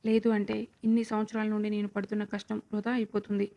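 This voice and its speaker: A woman voicing a stern, scheming elderly grandmother who speaks gravely and commandingly in a storybook reading. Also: medium pitch, monotone, quick pace, lo-fi sound, lightly acted.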